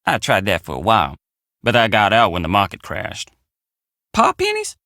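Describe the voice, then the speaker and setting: An actor voices a friendly, plainspoken young country handyman with an American drawl for video game dialogue, easygoing and matter-of-fact with folksy phrasing. His exaggerated, low-leaning voice is gravelly, pushed and bright, with huge pitch swings at normal speed. The recording is dry and studio-clean.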